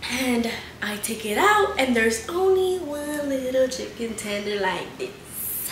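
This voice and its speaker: Telling a casual storytime vlog at home, a young woman in her twenties vents to the camera and swears heavily, moving between her bright living room and kitchen. Her high, expressive voice takes things slowly. The sound is roomy, with a little hiss or hum.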